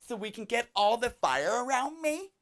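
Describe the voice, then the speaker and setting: A man's voice: very high-pitched, sing-song, moderate pace, a bit bright, voice pushed up, exaggerated voice. A man voicing a self-absorbed teenage girl who gushes dramatically. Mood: vain. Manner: gushing, dramatic valley-girl talk.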